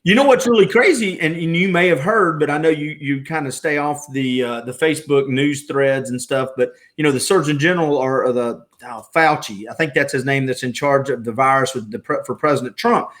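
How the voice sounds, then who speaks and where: A man's voice: mid-range voice, fairly quick, hardly any pauses, a bit bright. A middle-aged man hosting a casual podcast interview, talking in rambling, self-interrupting stretches. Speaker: podcast host.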